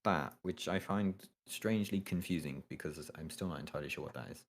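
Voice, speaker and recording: Talking through physics equations, a young man with an extremely deep, low voice co-hosts a casual astrophysics study chat. His delivery is halting and full of ums, with the odd swear word, and he sounds offhand about the material.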